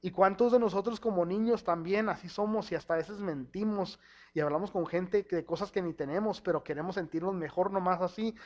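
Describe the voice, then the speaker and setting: High-voiced preacher. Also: male voice, brisk. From El Paso, Texas. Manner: animated, acts out quoted speech, mixes in English words. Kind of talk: sermon. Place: church hall. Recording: dull lo-fi sound.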